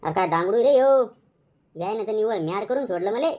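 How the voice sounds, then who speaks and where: A man's voice: high voice, animated, a little fast, darkish tone. A man voicing a harried middle-aged village husband in a cartoon comedy, with a Khandeshi Marathi accent and a grumbling, weary manner.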